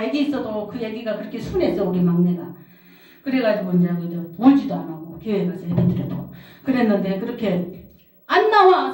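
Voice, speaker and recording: Middle-aged woman preacher, storytelling testimony, slightly high voice, heard from a distance. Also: a little mellow. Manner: storytelling, repeats phrases for emphasis. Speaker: pastor's wife preaching. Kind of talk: sermon with personal testimony. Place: prayer house service hall. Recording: roomy hall, distant mic.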